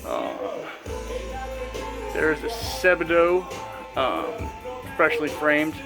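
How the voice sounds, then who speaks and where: A man in his thirties with a lisp and whistling s, giving a casual, halting video tour of his collection at home. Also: fairly high pitch, huge pitch swings, vocal fry, over loud music. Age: 30s. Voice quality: lisp with whistling s from new braces. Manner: halting, pauses mid-sentence. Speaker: collector presenting own collection. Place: inside a house.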